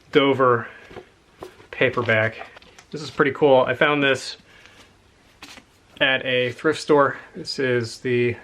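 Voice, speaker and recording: Here a man with a medium pitch and fairly bright tone shows off a haul of books he has found. The talk is rambling and casual, his enthusiasm audible along with a slight breathlessness.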